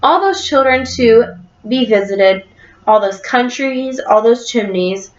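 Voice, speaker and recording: A woman teacher reading a story aloud in class and encouraging a student with quick questions, recorded on a computer webcam in a classroom. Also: fairly high pitch, animated. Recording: echoey room, dull lo-fi sound.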